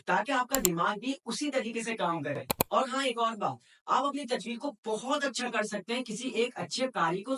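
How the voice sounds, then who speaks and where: Guy teaching quran recitation, asks questions then answers them, stretches syllables slowly, bit far from mic. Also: high-pitched, fairly bright tone. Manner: explanatory, poses rhetorical questions and answers them. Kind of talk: step-by-step tajweed lesson.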